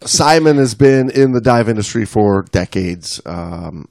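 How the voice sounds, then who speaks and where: A fairly low man's voice with a gravelly edge, talking casually as a podcast co-host. He gets animated and leans into the passages he reads aloud. The sound is dry and close. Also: measured pace, no echo. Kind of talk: casual chat about diving.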